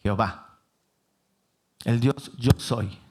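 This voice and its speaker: A man with a Mexican Spanish accent voicing God as a calm, commanding male figure, speaking slowly and measured. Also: medium pitch, slightly rough, voice pushed down. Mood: solemn. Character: solemn male God, calm then exasperated.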